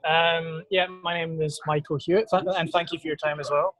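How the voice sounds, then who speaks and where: A Scottish man introducing himself as a freelance product designer on a video call, with quick self-deprecating asides. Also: fairly high pitch, level tone, fairly bright tone, faint music behind, low-quality recording. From Scotland.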